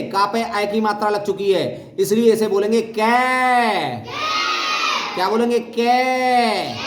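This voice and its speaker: A man teaching a Hindi reading lesson as a primary teacher. He repeats each sound, asks questions and answers them himself, and calls out the syllables loudly. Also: high-pitched. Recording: echoey room with faint noise.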